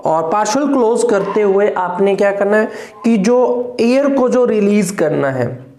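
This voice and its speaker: A man teaching English phonetics in a patient, repetitive lesson, modelling each sound and often checking whether it is clear. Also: high voice, animated, a little slow, darkish tone. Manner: patient, repeats sounds, keeps asking "clear?". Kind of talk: classroom lesson explaining consonant sounds. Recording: echoey room.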